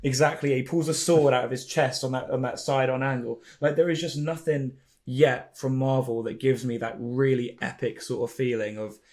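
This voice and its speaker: A man's voice: medium pitch, fairly even intonation, normal speed, hardly any pauses, a little mellow. A man chatting about films as a podcast co-host, enthusiastic and emphatic, with casual swearing. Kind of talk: casual film discussion.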